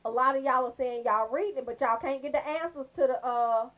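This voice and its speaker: Chatty and slangy, this American radio host jokes and banters straight to her listeners on a casual show. Her high, slightly bright voice runs a little fast.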